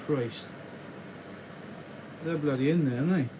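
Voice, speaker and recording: There's background noise as this young West Welsh livestreamer talks, his voice on the high side and his pace a little slow. Chatty and casual, he reads out viewer questions and mutters to himself at an indoor workbench, putting together a model farm.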